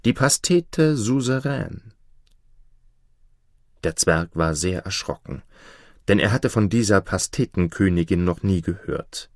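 A man reading a fairy tale aloud as storyteller, in an expressive, unhurried way. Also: sits low, no echo, studio quality.

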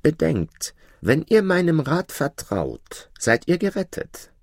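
A man voicing a scheming, envious court vizier who flatters and presses his point insistently, in a storybook reading. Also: on the high side, slow pace, vocal fry, no room sound, clean studio sound, full character voice. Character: scheming envious male vizier, smooth-tongued.

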